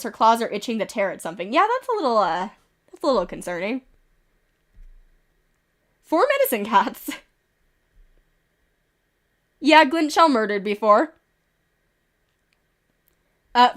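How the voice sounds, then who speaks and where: A woman's voice: fairly high pitch, a bit bright. A woman streaming a game, reading events aloud with amused asides, a little sick with occasional coughs. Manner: reads events with quick amused asides and chuckles.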